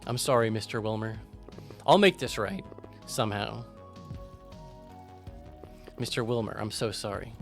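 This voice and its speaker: A man's voice: on the low side, unhurried, creaky, pauses often, soft background music. A man voicing a flustered game hero who stammers out apologies. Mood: flustered apologetic.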